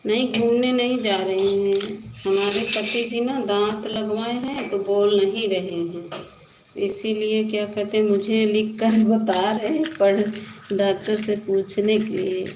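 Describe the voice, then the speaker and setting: A woman's voice: mid-range voice, fairly even intonation, a little slow, slight background noise. A woman chatting casually on a live stream, pleading with her viewers to stay and support her. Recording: roomy with loud background ambience.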